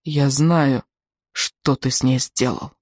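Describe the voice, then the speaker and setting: A reader voicing a frightened teenage girl who pleads in a hushed, trembling voice. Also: medium pitch, moderate pace, no echo, clean studio sound, close to an everyday voice.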